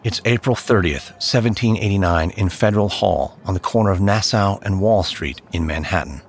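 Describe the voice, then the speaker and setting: A man narrating a history podcast from a script, in a measured and solemn storytelling manner. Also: low-pitched, slight background noise. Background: faint background music.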